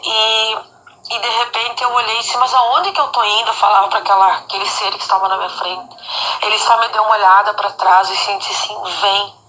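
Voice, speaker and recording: A woman's voice: mid-range voice, flat delivery, brisk, pushed and bright, a little hiss or hum, low-quality recording. A woman telling a fervent religious testimony, calling her listeners brothers and often restarting her sentences. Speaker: church member giving a testimony. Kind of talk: emotional spoken testimony.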